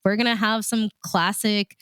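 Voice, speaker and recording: Chatting like the radio DJ and host she is, this woman, appearing as an interview guest, shares casual stories and lively acts out her own thoughts along the way. She has a mid-range, clear, resonant, fairly bright voice with fairly even intonation at normal speed, captured in studio quality with no echo.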